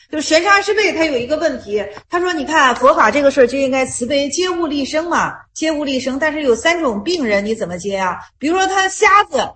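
A woman's voice: high-pitched, fairly bright tone. A woman leading a casual Buddhist study group, retelling Zen koans in plain speech and asking questions over and over. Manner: repeats herself, asks rhetorical questions, retells stories in plain speech.

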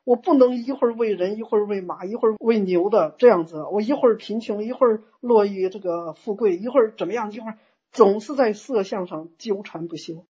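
A woman teaching a Buddhist Dharma talk in an animated, exclamatory way, acting out inner thoughts. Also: medium pitch, a little fast, husky, highs cut off.

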